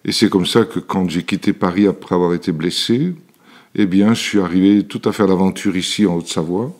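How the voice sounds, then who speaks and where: A man's voice: deep voice, fairly quick, a little mellow. A man in his seventies from Italy, telling his life story as an interview guest in his workshop, with hesitant speech full of fillers and restarts. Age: 70s. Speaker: interview guest, elixir maker. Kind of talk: relaxed personal storytelling.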